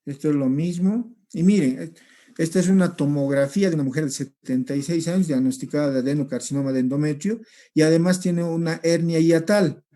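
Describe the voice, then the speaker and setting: Man teaching over slides, mellow. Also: fairly high pitch, fairly quick. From Peru. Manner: explanatory, repeats points, checks with rhetorical "¿sí?". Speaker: medical lecturer. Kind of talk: recorded slide lecture.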